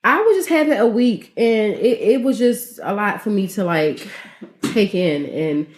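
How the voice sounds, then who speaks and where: A woman co-hosting a podcast, telling stories in a casual, animated, slangy way and laughing often. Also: mid-range voice, a little slow. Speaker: podcast co-host. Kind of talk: casual chat. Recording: echoey room.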